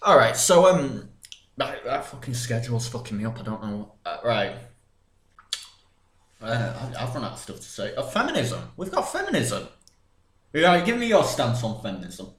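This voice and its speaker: A man's voice: mid-range voice, very animated, moderate pace, a bit bright. A young man co-hosting a podcast, teasing and blunt, swearing freely in casual chat. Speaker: podcast co-host. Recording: echoey room.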